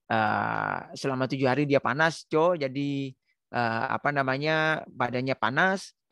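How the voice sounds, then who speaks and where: A middle-aged man, a pastor, talking through a story in casual sermon-like chat, with many pauses, restarts and fillers. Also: medium pitch, creaky, fairly bright tone, smooth, dry recording, studio quality. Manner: hesitant, many restarts and fillers, tells stories.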